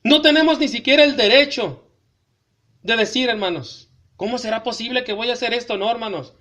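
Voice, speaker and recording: A man preaching an emphatic sermon, reading scripture aloud slowly and breaking in with commentary to the congregation. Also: extremely high pitch, bright, forceful tone. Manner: repeatedly addresses the congregation as brothers, emphatic.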